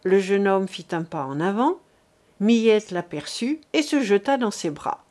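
A woman reading a classic novel aloud as narrator, measured and clear. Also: mid-range voice, expressive, darkish tone. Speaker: audiobook narrator. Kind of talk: scripted literary narration.

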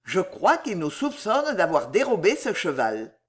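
A timid gentleman murmurs a hesitant worry to his friends, as a reader puts him on. His lines sound slightly further from the mic than the narration in this audiobook. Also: mid-range voice, wildly swooping pitch, a little slow. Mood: murmuring. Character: timid modest young gentleman.

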